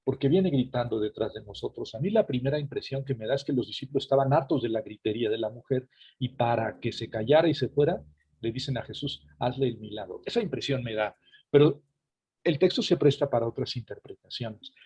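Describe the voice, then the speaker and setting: A man with a husky, slightly breathy voice teaches an online class over a video call microphone. He explains a scripture passage at a middle pitch and keeps turning to his listeners with asides. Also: fairly quick, a little mellow, muffled recording. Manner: engaging, often addresses listeners with asides. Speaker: lecturer on scripture.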